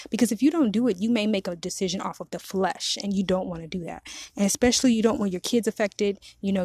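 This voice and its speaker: A woman's voice: mid-range voice, darkish tone, no room sound. Earnest woman giving faith-based encouragement. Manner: earnest, encouraging, addresses listeners as ladies; repeats phrases, frequent fillers and self-corrections. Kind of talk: casual faith-based advice talk.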